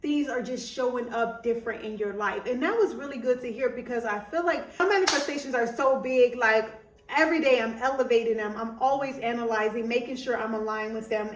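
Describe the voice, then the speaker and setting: A woman's voice: fairly high pitch, echoey room, distant mic. A young woman hosting a podcast, talking in a chatty, emphatic way with many asides and a country twang that comes and goes. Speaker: podcast host. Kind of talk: casual motivational monologue.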